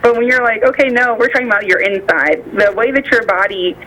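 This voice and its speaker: Speaking by phone as a nutritionist guest, an American woman explains things informally and illustrates her points with imagined quotes. Her mid-range voice comes through bright over the phone line, with a little hiss or hum.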